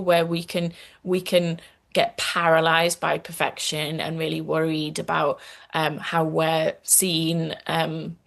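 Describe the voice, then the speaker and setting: A woman's voice: on the low side, vocal fry, fairly bright tone. A woman with a Scouse accent, a guest in a podcast interview, explaining at length in an earnest way with frequent restarts. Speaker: guest, activist and author.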